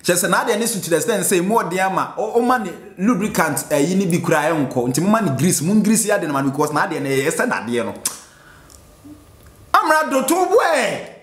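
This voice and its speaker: Man, Ghanaian accent, excitable reaction commentary, slightly high voice, echoey room. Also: quick pace, few pauses. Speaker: music reaction host. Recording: roomy echo.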